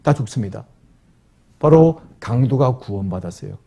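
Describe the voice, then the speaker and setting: A male pastor preaching a sermon in a church, emphatic, acting out sinners' voices with sudden rises in pitch. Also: lively intonation, normal speed, vocal fry, warm tone, slightly rough. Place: large church hall.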